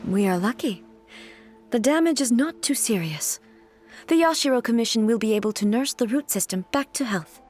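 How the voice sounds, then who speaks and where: An actress voicing a calm, stern divine ruler who speaks in a measured, formal, commanding way. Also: female voice, on the high side, soft background music.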